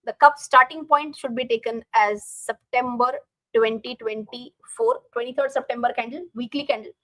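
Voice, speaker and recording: A woman's voice: a little high, fairly even intonation, moderate pace, fairly bright tone, no echo, low-quality recording. A woman with an Indian accent hosting a casual live stream as a teacher, speaking directly to viewers and often repeating her phrases.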